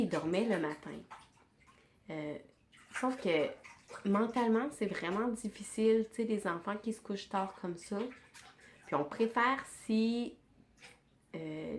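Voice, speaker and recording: A woman in her thirties with a Québécois French accent, chatting informally in a casual family vlog. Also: mid-range voice. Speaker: vlogger and mother.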